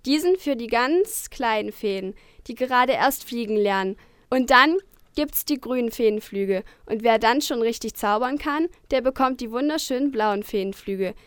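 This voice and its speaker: A woman's voice: expressive, normal speed, clean tone, dry recording, clean studio sound, lightly acted. Woman voicing a tiny, indignant fairy girl, Belladonna Wiesenblume. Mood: explaining. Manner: high, indignant and chattering. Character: tiny touchy girl fairy, bossy and quick to sulk.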